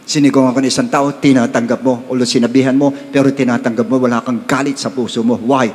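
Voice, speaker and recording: A Filipino man preaching a sermon in a church hall, his mid-pitched voice trailing a long reverb. He mixes steady talk with sudden high bursts and drawn-out, stressed readings. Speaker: pastor.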